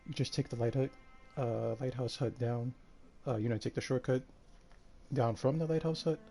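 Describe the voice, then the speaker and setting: A man streaming a game live, tired and a bit out of breath, talking in a relaxed, rambling way with lots of fillers. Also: medium pitch, normal speed, vocal fry, soft background music. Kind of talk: casual live-stream commentary.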